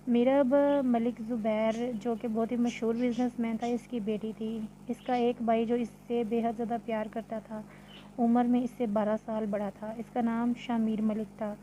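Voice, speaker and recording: A woman narrating a novel in a steady, measured storytelling manner. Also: a little high, highs cut off, a little hiss or hum. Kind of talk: novel reading.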